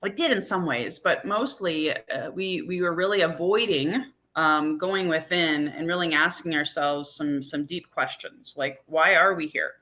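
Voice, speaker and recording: A woman's voice: deep voice, measured pace, pushed and bright. A woman hosting a podcast, telling her story in an earnest, reflective way. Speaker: podcast host. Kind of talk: casual conversation.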